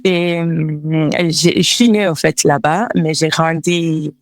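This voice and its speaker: A woman's voice: deep voice, steady tone, slow pace, no echo. Hesitant woman designer, dry sound. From Togo. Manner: hesitant, many fillers and restarts; laughs between answers. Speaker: fashion designer guest. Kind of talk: casual interview talk.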